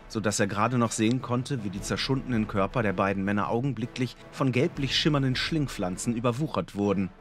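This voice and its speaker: A man narrating a fantasy audiobook in a dramatic, expressive storytelling manner. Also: on the low side, fairly quick, hardly any pauses, faint music behind.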